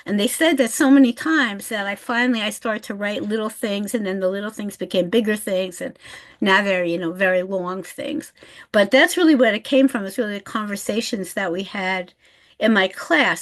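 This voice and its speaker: A woman's voice: mid-range voice, low-quality recording. Thoughtful older woman historian. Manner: thoughtful, measured, some restarts. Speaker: historian panelist. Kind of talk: webinar panel talk. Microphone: video call.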